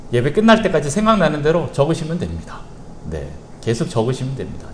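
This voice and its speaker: Animated male pastor in an echoey hall. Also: mid-range voice. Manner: animated, playful storytelling. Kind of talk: sermon. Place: church sanctuary. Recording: echoey church hall, faint hiss.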